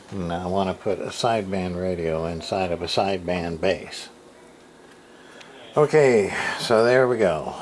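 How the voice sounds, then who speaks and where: His lowish voice is a little mellow, and there's slight background noise. A tired radio-repair hobbyist, he casually presents an old radio from his home workshop desk, musing aloud with plenty of fillers and false starts.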